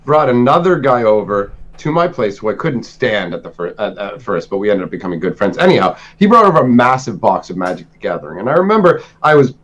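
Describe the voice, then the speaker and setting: A man's voice: fairly low pitch, fast, hardly any pauses. A man in his forties, a guest telling stories in a playful, teasing way, with dull lo-fi audio. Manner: animated, playful, teasing storyteller. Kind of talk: casual storytelling.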